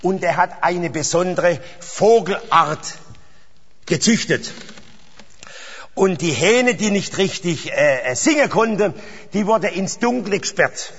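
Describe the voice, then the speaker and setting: A man preaching a sermon, his voice fairly high and a bit husky. He rambles through anecdotes and then swells into fervent cries of praise. The sound is dull and long-echoing, as in a church hall. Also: animated, slow pace, fairly bright tone. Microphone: handheld microphone.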